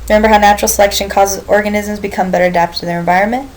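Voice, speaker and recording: A woman's voice: mid-range voice, steady tone, very fast, rough recording. A woman lecturing a biology class, explaining step by step, asking the students questions and reminding them of earlier material.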